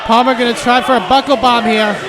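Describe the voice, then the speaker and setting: Male wrestling commentator, very high voice, excitable play-by-play, shouted move calls, loud crowd. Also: brisk. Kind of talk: live pro wrestling commentary. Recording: noisy live arena with loud crowd. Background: loud crowd and venue noise.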